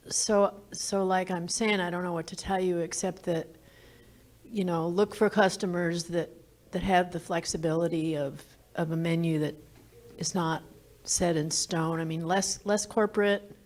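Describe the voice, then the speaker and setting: An American woman talking casually on a panel, halting and repeating words as she explains. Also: lowish voice, creaky, darkish tone. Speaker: restaurant operator, panelist.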